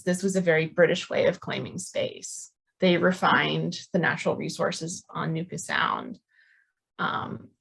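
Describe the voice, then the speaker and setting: Woman, history lecturer, lower voice, halting and filler-heavy delivery. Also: creaky, low-quality recording. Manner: hesitant, many ums and restarts. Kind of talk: academic talk.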